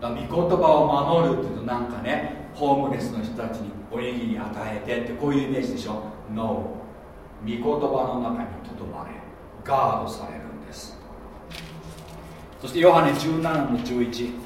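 A man preaching a sermon as pastor, animated and often checking that listeners follow along. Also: mid-range voice, normal speed, a little hiss or hum. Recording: echoey hall, voice from a distance.

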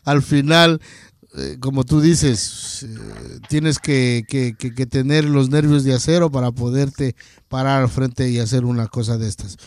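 A man hosting a radio interview, encouraging and halting with many fillers. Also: medium pitch, steady tone, gravelly, dry recording. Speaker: radio show host. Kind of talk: casual interview chat.

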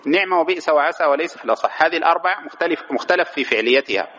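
A man's voice: on the high side, animated, very fast, bright, forceful tone. A man teaching an Arabic grammar lesson, quizzing students with rhetorical questions. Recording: dull lo-fi classroom recording with faint noise.

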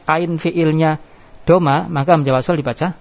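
A man's voice: a little high, steady tone, moderate pace. A male teacher giving a grammar lesson, explaining step by step and asking his class questions that he then answers himself. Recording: dull lo-fi classroom recording.

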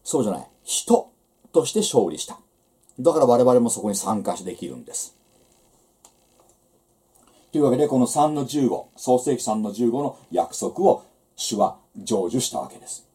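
A man's voice: medium pitch, big pitch swings, normal speed, pauses often, mellow. A man giving a church seminar lecture on the Bible, teaching in a conversational way with rhetorical asides.

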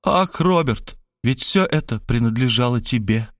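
In this audiobook character voice, a man plays a fawning, theatrical middle-aged woman who begs through gushing, pitiful, high-pitched cries. He speaks at a normal speed in a near-everyday voice, recorded cleanly in a studio without echo.

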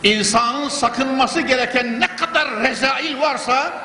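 A man's voice: very high-pitched, measured pace, bright, forceful tone. Older man preaching at a pulpit microphone. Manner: fervent, rhythmic, repeating phrases for emphasis. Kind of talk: mosque sermon. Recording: echoey hall with clear background noise.

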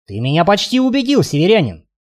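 A man's voice: sits high, wildly swooping pitch, fast. A man voicing a cold, mocking male vampire lord in an audiobook, with a smirking, drawling delivery. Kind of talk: audiobook character voice.

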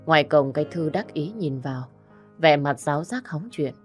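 Audiobook narrator: woman, low voice, calm and sorrowful first-person telling. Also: normal speed, soft background music.

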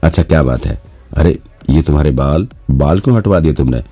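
A man's voice: a bass voice, animated, brisk, warm tone, soft background music. A man voicing a cheerful, teasing young woman doctor.

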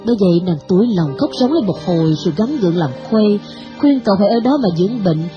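A woman narrating a novel in an expressive storytelling style. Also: mid-range voice, quick pace, muffled recording, music in the background.

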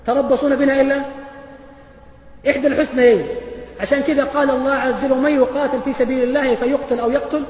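A man preaching a sermon, asking the audience animated rhetorical questions. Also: very high voice. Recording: echoey hall, dull lo-fi sound.

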